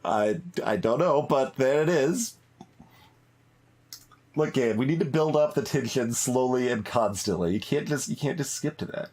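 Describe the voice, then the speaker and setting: This streamer's medium-pitched, darkish voice has lively intonation and a normal speed. Hosting a let's play over game music, he muses hesitantly and trails off mid-thought.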